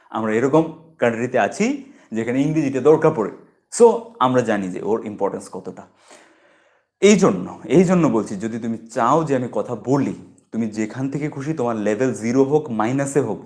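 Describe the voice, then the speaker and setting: A man giving a casual spoken English lesson, lively and repetitive, mixing English words into his talk. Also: fairly low pitch. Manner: lively, repeats phrases, mixes English words in. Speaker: English teacher.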